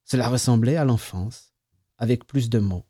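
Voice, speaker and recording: A man reading a story aloud as narrator, calm between the voices. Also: medium pitch, moderate pace, slightly rough, dry recording, studio quality. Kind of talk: audiobook narration.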